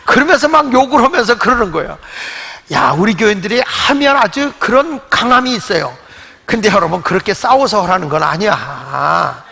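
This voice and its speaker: A man's voice: sits high, gravelly. An older man pastor preaching a Sunday sermon in a church, telling stories and acting out the voices of the people in them. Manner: animated storytelling, acts out quoted voices. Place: church sanctuary. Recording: long hall reverb.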